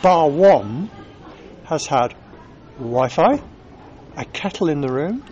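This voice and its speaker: A man's voice: fairly high pitch, animated, slow, a little mellow, dull audio, a little hiss or hum. A man with a Northern English accent, a touring cyclist, chatting about his travels and often restarting his sentences. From North of England. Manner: chatty storyteller with frequent restarts. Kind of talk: casual travel chat.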